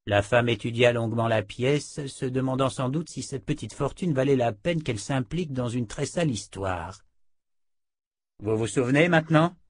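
A man narrating a novel in a low, hushed reading voice. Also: moderate pace, hardly any pauses, no echo. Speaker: audiobook narrator. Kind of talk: scripted narration.

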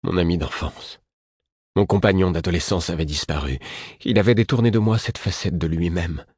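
A man reads a first-person audiobook in a measured, somber tone, his very deep voice carrying a husky grain and a slightly mellow warmth. The recording is dry and close, with no echo.

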